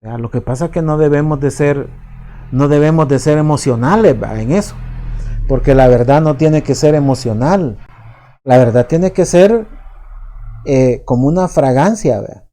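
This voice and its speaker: A man with a Salvadoran accent preaching a sermon as pastor, conversational and halting, often repeating words and adding tag questions. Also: on the high side, warm tone. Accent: Salvadoran Spanish. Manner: halting, repeats words while searching for them.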